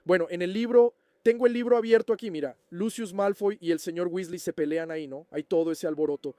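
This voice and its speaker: Man, casual host, answering viewer questions, chatty, warm tone, dry close sound. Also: high-pitched, fairly quick, no echo. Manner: chatty, keeps checking in with the listener. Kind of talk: casual explanatory chat.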